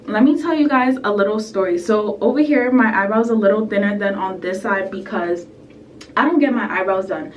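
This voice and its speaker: A woman's voice: medium pitch, brisk, dull audio, a little hiss or hum. Young woman rambling through a makeup tutorial, lots of "like", kinda far from the mic, echoey room. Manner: chatty, filler-heavy, frequent "like" and asides. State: a bit sick. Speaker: beauty vlogger. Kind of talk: casual makeup tutorial chat. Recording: roomy echo, set back from the mic.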